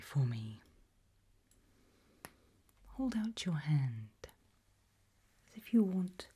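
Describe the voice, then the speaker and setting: A British woman performs an ASMR roleplay, whispering breathily and gently with deliberate delivery in a voice that sits low.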